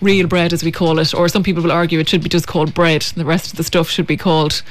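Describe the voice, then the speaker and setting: A woman's voice: low-pitched, little pitch movement, fast. Female guest, explanatory, hesitant delivery, casual studio chat. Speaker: baking guest. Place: radio studio.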